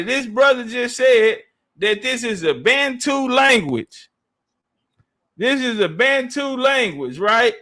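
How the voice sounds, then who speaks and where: A man's voice: sits high, fairly bright tone. A man hosting a live debate stream, confrontational and taunting in slangy speech, repeating phrases for emphasis. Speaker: live-stream panel host.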